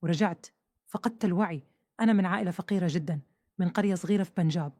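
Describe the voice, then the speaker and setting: A woman's voice: lowish voice, racing, warm tone, no room sound, studio quality. A woman narrating a first-person audio story in an earnest tone.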